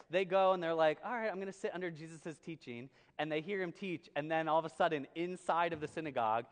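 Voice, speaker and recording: Man, pastor, conversational sermon, fairly high voice, long echo of a church hall. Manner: conversational, asks the congregation questions. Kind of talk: sermon with scripture reading. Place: church sanctuary.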